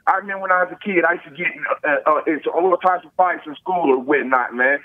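A man's voice: a little high, fast talker, no room sound. A man calling in to a talk show on a clipped speakerphone line that breaks up, rambling and repeating fillers. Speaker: caller. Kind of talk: casual call-in rant. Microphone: phone on speakerphone. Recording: tinny dry phone line.

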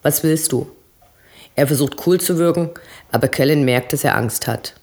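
A man's voice: fairly high pitch, brisk. Man reading a crime novel aloud. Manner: plain storytelling narration. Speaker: reader.

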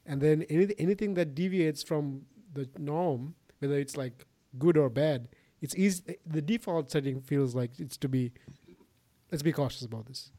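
Guy from sri lanka chatting on a podcast, kinda high voice, lots of like and restarts, dry sound. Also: normal speed, dark tone, no room sound. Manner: rambling, many restarts and filler words. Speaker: podcast host. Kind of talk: casual conversation.

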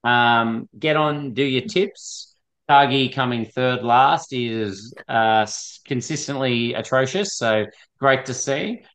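A man's voice: medium pitch, takes it slowly, fairly bright tone. A man talking casually about sport as a podcast co-host.

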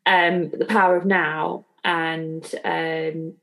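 A woman co-hosting a podcast, talking in a reflective, casual way with frequent pauses and fillers. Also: sits low, little pitch movement, vocal fry, fairly bright tone. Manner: thoughtful, hesitant, many fillers. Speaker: podcast co-host.

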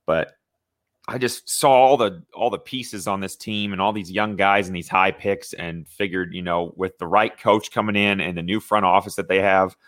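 A man's voice: low voice, fairly even intonation, moderate pace, a bit bright, no room sound. A young man from Indiana, co-hosting a sports podcast in a loose, conversational way with lots of fillers and restarts. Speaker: podcast co-host. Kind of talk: casual sports talk.

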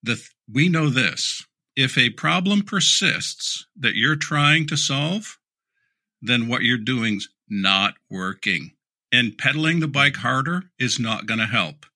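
A man's voice: mid-range voice, expressive, slow, pushed and bright. A middle-aged man answering interview questions about leadership, candid and dryly sarcastic, often restarting his words. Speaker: leadership speaker and guest.

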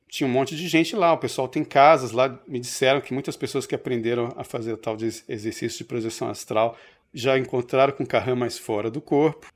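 A man from Brazil co-hosting a podcast, telling a long story in casual chat and acting out the quoted voices. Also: medium pitch. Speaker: podcast co-host.

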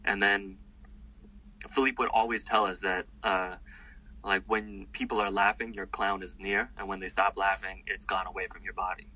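On a low-quality recording, a man with a low voice talks at a moderate pace as a comedian guest in a laid-back interview. He rambles with lots of energy, restarting sentences and leaning heavily on fillers.

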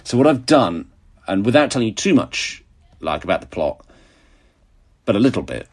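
A very low-voiced man chats casually as he answers questions from his readers. His voice is croaky and hoarse with a cold, sinking into vocal fry. The delivery is wry and self-mocking, like an author talking informally to followers. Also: sing-song, moderate pace, darkish tone.

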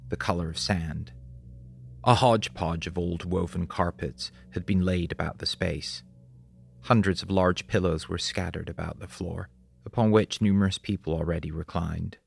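A man reads the story aloud in a very deep voice with a gravelly, husky edge. His delivery is measured and descriptive. The sound is close and dry, with no room around it. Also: no room sound. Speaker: audiobook narrator. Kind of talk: scripted audiobook narration.

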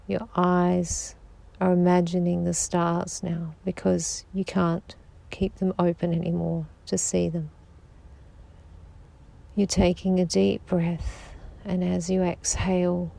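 A woman leads a guided sleep meditation, speaking slowly and soothingly and often sinking into a whisper. Her low voice is mellow and even, with a gravelly edge. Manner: slow, soothing, drifting into whispers.

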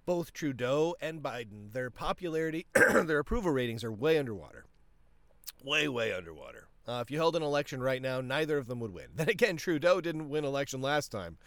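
Animated man with a throat tickle. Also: mid-range voice, a little fast, no echo. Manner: animated, talks with frequent restarts. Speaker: podcast host. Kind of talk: casual political commentary monologue.

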